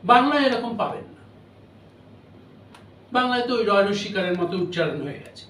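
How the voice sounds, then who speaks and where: A man giving a memorial lecture on phonetics, speaking in a measured, explanatory way with pauses between phrases. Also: high-pitched, expressive, a bit bright, slight background noise. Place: lecture hall. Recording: roomy hall audio from a distance.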